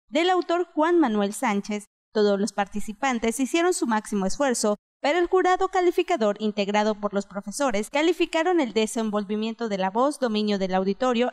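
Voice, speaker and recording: A woman's voice: a little high, a little mellow, clear, resonant tone. A woman with a Mexican accent reading a scripted news voice-over as narrator of a report.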